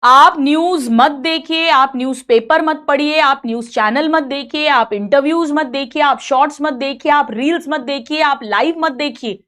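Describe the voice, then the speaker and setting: A woman's voice: sits high, moderate pace, few pauses, fairly bright tone. A middle-aged woman teacher giving a caring, motherly talk to her students, mixing English phrases in and repeating herself for emphasis. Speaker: coaching teacher.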